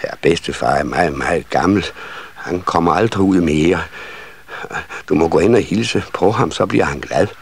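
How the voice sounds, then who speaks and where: A man reading a children's story and voicing a calm, motherly female elf who soothes and gently scolds. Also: low voice, vocal fry, breathy edge, heavily acted. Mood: soothing.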